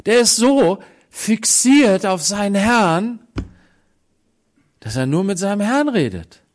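An animated male preacher tells a story in unhurried, deliberate phrases, his pitch leaping and dropping throughout. He acts out the voices of the people in it and swings suddenly between loud and hushed, with a voice a little higher than most men's. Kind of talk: sermon.

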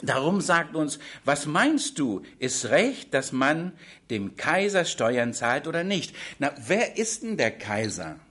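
A man's voice: a little high, sing-song, slow, fairly bright tone. A man preaching a sermon, speaking to his congregation and asking them frequent rhetorical questions.

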